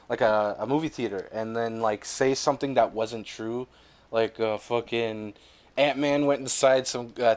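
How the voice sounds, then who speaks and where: A young man co-hosting a podcast in casual chat, rambling and swearing freely, laughing often. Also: medium pitch. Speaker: podcast co-host.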